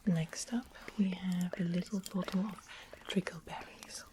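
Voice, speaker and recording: Close-miked and whispering, a woman takes the role of a sweet-mannered but sly western witch who tends potions, savoring slow, deliberate explanations in this fantasy ASMR piece. Her fairly low pitch and steady tone sound close to an everyday voice, calm and sly, over ongoing background noise.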